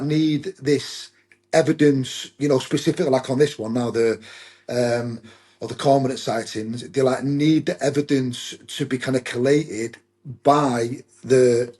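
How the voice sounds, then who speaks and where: A man's voice: mid-range voice, dark tone, slightly rough. An English man talking as a podcast guest, rambling loosely with lots of fillers. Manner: rambling, many fillers and restarts. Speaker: podcast guest, angling club founder. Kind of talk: casual podcast conversation.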